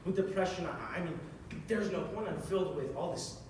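A young man with a slightly high but darkish voice preaches a little fast, earnest and repeating phrases for emphasis in a short sermon. He stands at a music stand on the stage of a big carpeted hall. A camera far across the room records the boomy echo and hiss.

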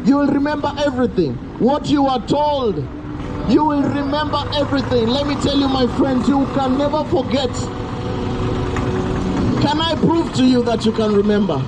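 A man, preaching an urgent open-air sermon by a busy road through a handheld mic and speaker. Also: very high voice. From Kenya. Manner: loud, urgent preaching with drawn-out warnings. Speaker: street preacher. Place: roadside outdoors by a busy street. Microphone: handheld mic through a portable speaker, camera at a distance. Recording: street traffic noise, open air.

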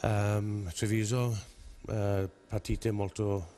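A man in his forties, a native English speaker with English-accented Italian, speaking haltingly in a studio interview as a rugby coach and searching for words. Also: fairly low pitch, level tone, warm tone. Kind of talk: television interview. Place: television studio.

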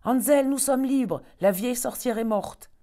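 A woman's voice: medium pitch, lively intonation, fairly quick, mellow, pitched above the performer's own voice, lightly acted. A woman voicing a frightened but brave little girl who speaks in an earnest, pleading way. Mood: joyful.

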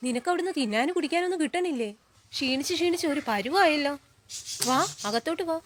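A woman playing a sharp-tongued middle-aged mother who scolds and gossips about her daughter-in-law in a comedic short film. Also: high voice, expressive, fast. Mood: fussing.

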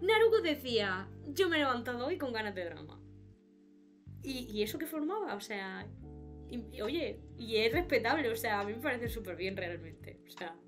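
Her voice is fairly high, with big pitch swings and a moderate pace, and soft music plays behind her. A young woman with a cold, she co-hosts a podcast in a casual chat full of laughter, captured by a webcam on a video call indoors at home.

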